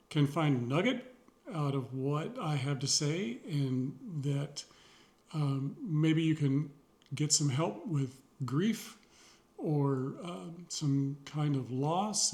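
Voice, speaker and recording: A middle-aged man talking slowly and sincerely in a personal video journal, pausing often with fillers and a dry joke now and then. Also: on the high side. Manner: rambling, pausing, many fillers; sincere, reflective, wry. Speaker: vlogger.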